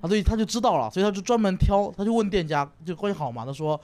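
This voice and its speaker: A man's voice: high-pitched, lively intonation, very fast, darkish tone. A young man chatting on a comedy talk show, telling stories animatedly and acting out quoted lines. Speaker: comedian panelist. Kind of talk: casual chat.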